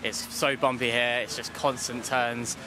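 Speaking at a slightly slow pace with a flat delivery, this mid-range male voice belongs to an amateur racing driver in his thirties. He's being interviewed in casual conversation under a paddock awning tent, using a handheld interview mic, and the background is noisy.

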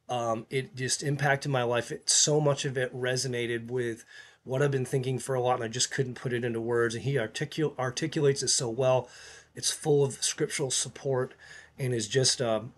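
A man hosting his own video channel, giving earnest casual commentary in a halting way, with many fillers and restarts. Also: medium pitch. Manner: earnest, recommending. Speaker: YouTube channel host.

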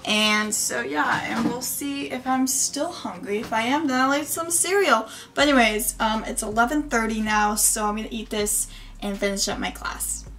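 A woman's voice: on the high side, a bit bright. Giggly young woman vlogging casually. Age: young adult. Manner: rambling, many fillers like "like" and "yeah", giggly. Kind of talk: casual vlog chat. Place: dorm room, then a small campus gym. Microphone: phone or camera set up nearby.

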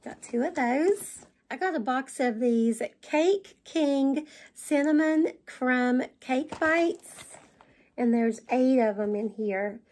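A middle-aged woman with a Southern US accent, gushing excitedly as she shows off shopping finds to the camera at home. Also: high-pitched, slow. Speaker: vlogger. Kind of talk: haul video chat. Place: home dining room, indoors.

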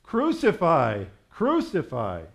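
A man reading aloud, voicing an angry crowd that shouts its demands in loud chants. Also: medium pitch, very animated, unhurried.

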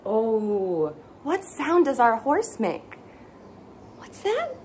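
A young adult woman hosting children's story time reads a picture book aloud to toddlers in a high, very animated voice. She goes slowly, draws out words, exaggerates playfully, and asks questions along the way. The recording, made in a small indoor playroom with bookshelves, has some background noise.

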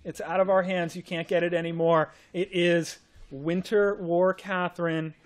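A livestream host shows off new game skins with excitement, laughing a lot as he goes through the update. His voice is high, his delivery flat, and his pace normal.

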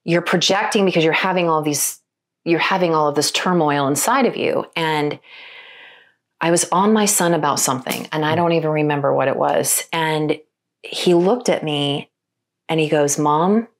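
A woman's voice: low voice, normal speed. A woman guest on a podcast, a matchmaker, telling her own story in an earnest, reflective, flowing way. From Arizona, US. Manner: earnest, reflective, speaks in long flowing runs. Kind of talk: candid conversational storytelling. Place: podcast studio.

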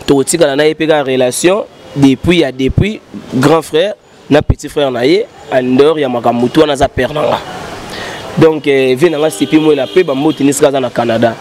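A man's voice: mid-range voice, darkish tone, a little hiss or hum. A man in his thirties telling rambling stories in an interview, switching between French and Lingala, speaking into a handheld mic outdoors. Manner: gestures broadly, mixes French and Lingala in fast rambling recollection. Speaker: interviewed musician. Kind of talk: animated storytelling interview. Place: outdoor studio set with painted backdrop. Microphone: handheld mic held by interviewer.

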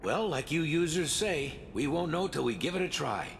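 An actor playing an earnest male computer-program warrior in a video game, speaking steadily with a gravelly edge. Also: a little high, lively intonation, moderate pace, slight background noise.

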